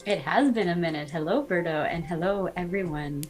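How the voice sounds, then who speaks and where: Chatty woman with a lowish voice. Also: brisk, soft background music. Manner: upbeat, chatty, laughs easily. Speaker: podcast guest. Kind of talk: casual podcast chat. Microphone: video call.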